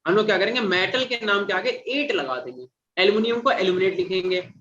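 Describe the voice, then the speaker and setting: High-voiced man quizzing a class. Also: quick pace, fairly bright tone, a little hiss or hum. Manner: repeats and quizzes students, calls them "beta". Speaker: teacher. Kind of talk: classroom chemistry lecture. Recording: dull lo-fi classroom recording.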